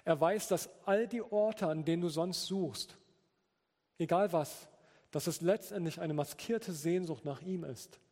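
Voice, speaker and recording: A man's voice: on the high side, a little slow, a little mellow. A man preaching an earnest sermon, reading scripture passages aloud. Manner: earnest, with quoted scripture read out. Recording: long reverb of a large hall.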